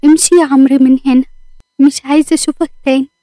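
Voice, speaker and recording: A woman's voice: high voice, fairly even intonation, fast, dark tone, no room sound, natural voice. A woman with an Egyptian accent voicing a young woman who curtly and angrily rejects a former lover, in a read-aloud story. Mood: angry. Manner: curt, angry.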